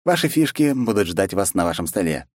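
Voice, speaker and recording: A man's voice: sits low, very animated, fairly quick, dry recording, clean studio sound. Male narrator voicing a formal official in a storybook, stiff and correct. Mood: stern formal. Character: stern formal male tournament manager.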